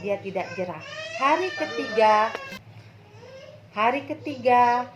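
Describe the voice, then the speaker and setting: A woman primary school teacher telling a story to children in a lively, expressive way, then explaining its lesson. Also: a little high, slow, noisy background.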